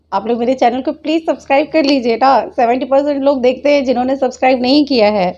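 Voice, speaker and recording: A woman's voice: high-pitched, dark tone, muffled recording. A woman hosting her own channel, scolding and mocking people in reaction commentary and laughing often. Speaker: channel host.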